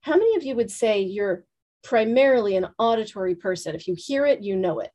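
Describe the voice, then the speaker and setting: A woman leading a workshop, talking quickly and asking the room questions. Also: medium pitch, lively intonation, warm tone. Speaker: workshop teacher. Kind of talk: teaching a live group.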